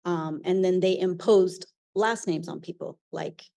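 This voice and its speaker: A woman with a somewhat low voice answers a moderator's question on a library author panel. She explains things in a steady, informative way, using the odd filler word. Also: unhurried, vocal fry. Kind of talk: live panel talk at a library event.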